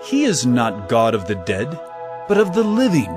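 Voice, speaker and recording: An actor playing Jesus as an authoritative teacher in a dramatized scripture production, speaking emphatically. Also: male voice, medium pitch, wildly swooping pitch, normal speed, over music. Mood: authoritative teaching. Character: Jesus, an authoritative male teacher telling parables.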